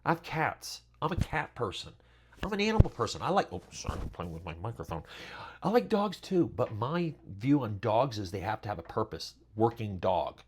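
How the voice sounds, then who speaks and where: A man's voice: lowish voice, big pitch swings, moderate pace, slight background noise. A middle-aged man hosting a casual how-to talk, rambling with lots of fillers and chatty asides. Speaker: channel host.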